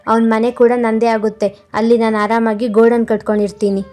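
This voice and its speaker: A woman voicing a greedy, scheming merchant in a cartoon, talking slyly and fast. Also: fairly high pitch, little pitch movement, dark tone, close to an everyday voice.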